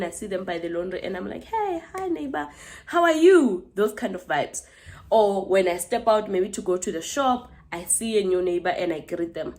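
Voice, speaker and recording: Her voice is medium-pitched and slightly mellow. She's a South African woman in her twenties, vlogging a personal anecdote in a casual, chatty way with frequent asides to her audience.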